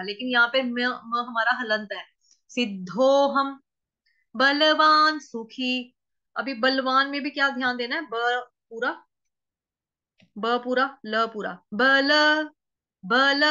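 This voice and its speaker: A woman teaching how to recite a Sanskrit verse, chanting each word slowly and drawn out, then spelling out letters and vowel marks one by one. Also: a little high, bright, forceful tone, highs cut off. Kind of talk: slow syllable-by-syllable chanting lesson.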